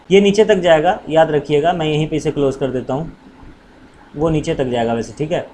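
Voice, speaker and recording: A man's voice: a little high, normal speed, mellow, slight background noise. A male commerce teacher giving a casual, playful lesson, teasing his students and calling them "babu".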